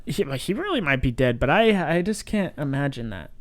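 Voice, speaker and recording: A man co-hosting a casual fan discussion podcast, enthusiastic and quick to laugh, often trailing off mid-thought. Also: fairly high pitch, big pitch swings, dry recording. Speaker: podcast co-host.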